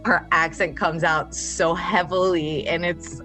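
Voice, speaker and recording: A woman interviewed as a close friend, telling animated anecdotes in casual talk. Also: lowish voice, unhurried, soft background music.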